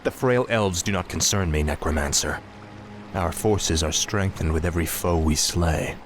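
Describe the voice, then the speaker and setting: An actor playing a cold, arrogant young prince turned death knight in a fantasy video game, menacing and dismissive. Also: male voice, deep voice, moderate pace, noisy background.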